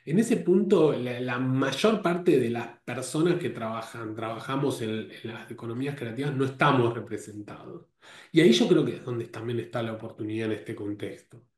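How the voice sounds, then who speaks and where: A man's voice: mid-range voice, moderate pace, darkish tone. Man lecturing in an echoey room. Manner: stumbling restarts with tag questions. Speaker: course lecturer. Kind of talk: live lecture to a class. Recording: roomy echo.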